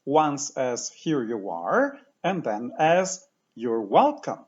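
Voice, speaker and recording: A man teaching pronunciation patiently, saying each word slowly and repeating it for the listener to copy. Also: mid-range voice, wildly swooping pitch, a little mellow, lo-fi sound. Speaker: language teacher. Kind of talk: slow, clear pronunciation lesson.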